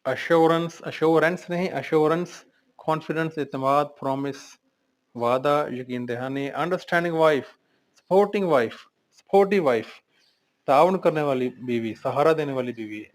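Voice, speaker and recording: A man's voice: medium pitch, moderate pace. A male English teacher going through a vocabulary lesson in Urdu, reading out each word and then listing its synonyms and meanings.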